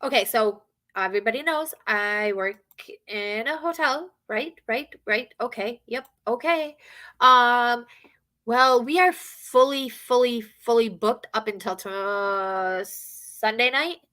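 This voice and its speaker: A chatty woman with a bright, forceful voice tells stories in a loose, rambling way. She sits a little high in her range and keeps acting out what people said to her. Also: a little slow. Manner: chatty, rambling, acts out quotes. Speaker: hotel front desk worker. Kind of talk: casual storytelling chat.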